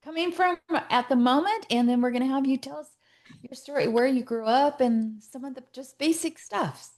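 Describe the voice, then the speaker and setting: Upbeat woman podcast host, high voice. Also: moderate pace, darkish tone. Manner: chatty and enthusiastic. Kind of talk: casual podcast hosting.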